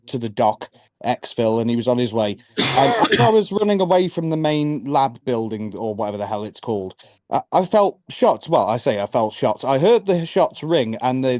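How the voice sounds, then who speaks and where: A man co-hosting a podcast, casually recounting a gaming anecdote in a lively storytelling way. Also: medium pitch, no echo. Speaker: podcast co-host.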